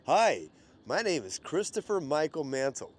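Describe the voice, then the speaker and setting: A man's voice: on the high side, very animated, moderate pace. A man in his forties giving a playful interview, full of rhyming jokes and wisecracks. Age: 40s.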